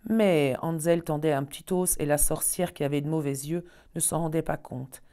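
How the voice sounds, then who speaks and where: Low-voiced woman reading a fairy tale. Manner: expressive, measured. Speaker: storyteller.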